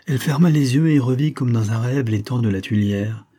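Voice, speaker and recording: A man reading a romantic novel aloud at a measured, even pace. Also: mid-range voice. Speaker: audiobook reader.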